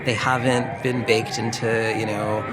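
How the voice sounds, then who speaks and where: A drag performer talks casually in a documentary interview. The voice sits at a middle pitch, with music clearly playing behind. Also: flat delivery, unhurried.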